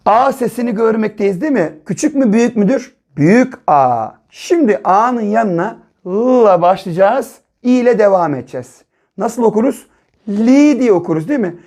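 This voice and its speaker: Primary teacher, mellow tone, slow syllable-by-syllable sounding out, repeats words, keeps asking "right?". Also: medium pitch, lively intonation. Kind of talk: early reading lesson for children.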